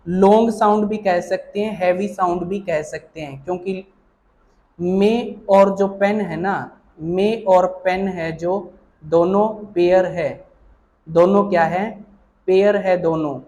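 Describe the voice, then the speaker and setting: A man teaching a shorthand lesson, explaining step by step and often pausing to check that the learners follow. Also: high voice, steady tone, a little mellow. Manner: explains slowly, often checking with "theek hai na". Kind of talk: online classroom lesson.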